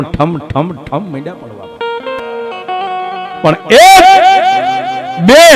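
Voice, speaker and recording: A man telling a devotional folk story with emotive, repeated calls to his listeners. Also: high-pitched. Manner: emotive, repetitive addresses to listeners. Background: plucked string music.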